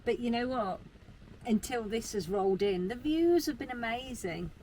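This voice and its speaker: A woman's voice: fairly high pitch, expressive, normal speed, warm tone. A British woman vlogging in casual, chatty talk full of informal slang. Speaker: travel vlogger. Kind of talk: casual chat to camera. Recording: noisy location sound with ambience.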